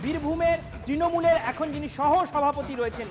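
A man anchoring a news program, giving emphatic, measured commentary. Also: very high-pitched, over music.

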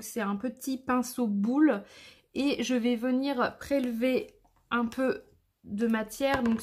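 A woman, a makeup artist talking viewers through a makeup tutorial step by step in a chatty way. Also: fairly high pitch. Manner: chatty, shows each step.

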